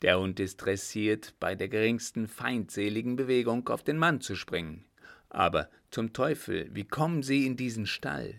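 A man voicing a sly, unhurried coachman who talks in a stubborn, mocking drawl. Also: lowish voice, creaky, a bit bright. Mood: gruff. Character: sly, unhurried old coachman, proud dog owner.

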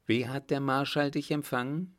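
A man's voice: medium pitch, fairly even intonation, moderate pace, fairly bright tone, voice pushed up, lightly acted. A man voicing an anxious, loving young woman in a storybook reading. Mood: anxious, tender.

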